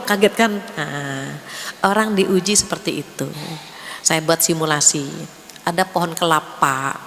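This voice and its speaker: Brief: woman preacher, animated storyteller, in a long-reverb hall with faint background hiss. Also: on the low side. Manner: animated storytelling, acts out voices and prayers. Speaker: Islamic preacher. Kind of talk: lively sermon and Q&A.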